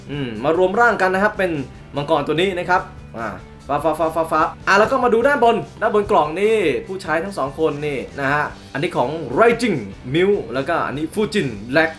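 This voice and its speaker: A young man hosting a casual toy unboxing review. He is excitable, exclaims often and hums little sound effects as he shows the box. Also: high-pitched. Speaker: toy reviewer, channel host.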